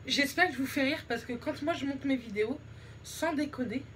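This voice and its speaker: A young woman from France, a beauty vlogger, rambles casually with slang and self-mockery as she does her makeup at home. Her voice sits high, a bit bright and fairly quick, with slight background noise.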